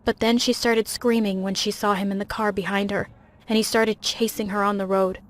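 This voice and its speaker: A woman voicing a grieving middle-aged father who confesses in a shaky, remorseful way, as part of a read-aloud animated story. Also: medium pitch, moderate pace, lightly acted.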